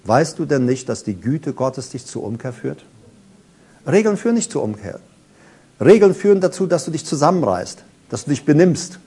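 A man preaching a sermon in an earnest, conversational way, speaking straight to the listener and moving between soft, hushed passages and raised, emphatic ones. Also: fairly high pitch, very animated, normal speed, breathy edge.

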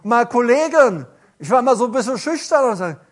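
A middle-aged man preaching a sermon, telling personal stories in an animated way with some stammering. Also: very high-pitched, fairly quick.

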